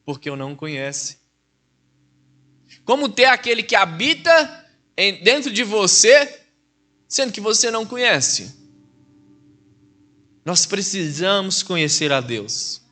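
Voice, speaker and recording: Man, deacon, Mineiro Brazilian accent, high voice, conversational sermon, church. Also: lively intonation, unhurried, pauses often, bright, forceful tone. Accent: Mineiro Brazilian Portuguese. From Minas Gerais, Brazil. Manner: conversational preaching, addresses the congregation as brothers. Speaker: deacon preaching.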